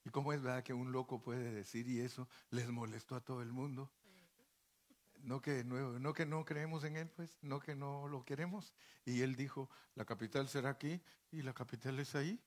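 A man's voice: medium pitch, steady tone, normal speed. A male pastor preaching a sermon in a folksy, joking way, full of rhetorical questions and asides to the congregation.

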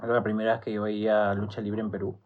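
A man's voice: on the low side, monotone, fast. A young man with a Peruvian accent, co-hosting a casual gaming podcast and telling stories in crude, slangy chat. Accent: Peruvian Spanish. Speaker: podcast co-host. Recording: dull lo-fi podcast audio.

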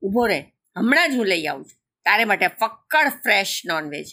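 A jolly papa crow from a children's tale coaxes and teases in a lifted, bright voice, played by a woman storyteller. He talks in a playful, cajoling way. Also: big pitch swings, brisk, exaggerated voice. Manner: cajoling, teasing, higher than her narration. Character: jovial, wheedling father crow.

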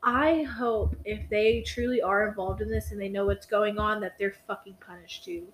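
A woman's voice: mid-range voice, moderate pace, a little hiss or hum, poor audio. A tired young woman co-hosting a casual true-crime podcast, rambling, swearing and restarting her sentences. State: tired, yawning. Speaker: podcast co-host.

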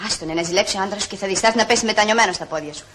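An actress playing the wife's calm, teasing friend in an old comedy film, coaxing and soothing. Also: female voice, medium pitch, natural voice. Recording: roomy old film soundtrack with hiss.

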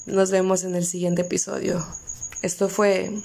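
Young Mexican woman, story host; gravelly, mellow, flat delivery, candid and conversational. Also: medium pitch, moderate pace. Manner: candid, conversational, reports dialogue directly. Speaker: host telling her own story. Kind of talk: personal storytelling.

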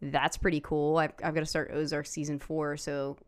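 A woman's voice: sits low, flat delivery, moderate pace. A woman co-hosting a podcast, chatting casually, blunt and rambling, swearing often. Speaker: podcast co-host. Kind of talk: casual chat.

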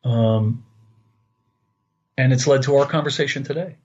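On this lo-fi clip with the highs cut off, the man's medium-pitched voice is darkish with a breathy edge, and he keeps a measured pace. He's in his fifties, from Long Island with a New York accent, an earnest interview guest in a conversation who often repeats words mid-search for phrasing.

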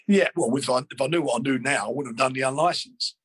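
Older man, husky and close-miked, rambling guest recalling the past. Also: mid-range voice, quick pace, dry recording, low-quality recording. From London. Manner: rambling, frequent restarts and fillers. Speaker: boxing promoter. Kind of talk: interview, reminiscing.

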